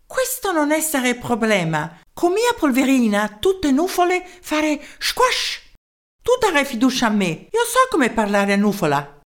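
A woman's voice: high-pitched, wildly swooping pitch, unhurried, voice pushed up, heavily acted. A woman voicing a fussy foreign male professor with a put-on German accent and broken, clipped speech. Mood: brusque. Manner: broken grammar, clipped impatient replies.

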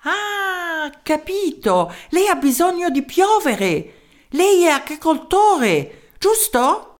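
A woman's voice: very high-pitched, sing-song, slow, pitched above the performer's own voice, heavily acted. A woman voicing a fussy foreign male professor with a put-on German accent and broken, clipped speech. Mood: brusque. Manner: broken grammar, clipped impatient replies.

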